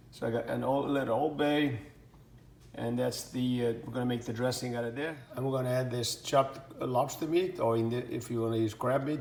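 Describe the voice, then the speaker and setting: A middle-aged Portuguese chef, whose first language is Portuguese, explains a dish while cooking at home in a demonstration. His pitch sits in a typical middle range for a man, and he rambles, restarts sentences and fills pauses with "uh" and "you know."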